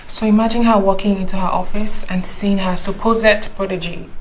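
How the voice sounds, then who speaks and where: An actress playing a calm, frank coworker who teases and advises plainly. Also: female voice, medium pitch, normal speed, a little hiss or hum, close to an everyday voice. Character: level-headed woman coworker, frank and calming.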